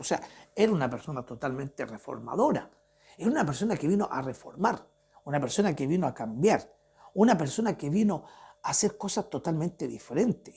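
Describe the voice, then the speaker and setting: A male preacher delivering an impassioned sermon, hammering each point through repeated phrases. His pitch swings widely from low, quiet stretches to sudden high peaks. The voice has a dark, husky tone. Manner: impassioned, repetitive, emphatic preaching.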